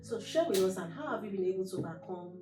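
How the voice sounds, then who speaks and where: A woman's voice: mid-range voice, expressive, fast. A woman hosting a talk show with teenagers, asking encouraging, chatty questions. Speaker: host. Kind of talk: interview questions. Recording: roomy, distant mic, faint music.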